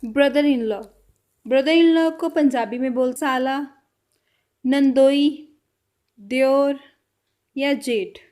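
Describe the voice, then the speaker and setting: In a vocabulary lesson, a language teacher says each word and then repeats it. Her high, steady voice moves slowly, she pauses often, and she lets each phrase trail off softly.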